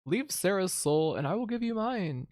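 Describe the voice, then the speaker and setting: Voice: medium pitch, animated, moderate pace, darkish tone, no echo, clean studio sound, pitched above the performer's own voice, lightly acted. Defiant devoted lover, read by a game player. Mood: resolute, devoted. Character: defiant devoted lover refusing a devil's deception. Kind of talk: video game dialogue read aloud.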